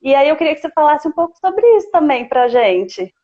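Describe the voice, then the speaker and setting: A woman hosting a live interview, asking gentle questions in a hesitant way with many pauses. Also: high voice, very animated, highs cut off. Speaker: host.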